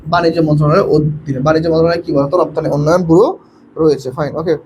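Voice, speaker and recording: Fast, high-voiced young man teaching online. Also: steady tone, noisy background. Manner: quizzing students, urging quick answers; repetitive, mixes in English words. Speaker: admission coaching teacher. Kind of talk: online class lecture.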